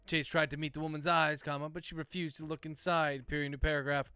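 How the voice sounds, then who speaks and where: A man reading story text aloud as dictation, speaking each comma and paragraph break in a steady cadence. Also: fairly high pitch, fast talker, smooth, no room sound, soft background music. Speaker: narrator dictating a novel.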